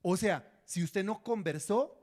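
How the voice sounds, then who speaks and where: A man's voice: high-pitched, measured pace, darkish tone. A man preaching a sermon as pastor, acting out prayers and dialogues and quizzing his congregation.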